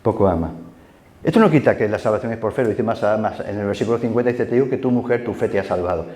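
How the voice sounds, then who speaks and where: A man preaching a sermon in a relaxed, conversational way, with many fillers and repeated words. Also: lowish voice, rapid-fire, roomy sound. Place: church hall.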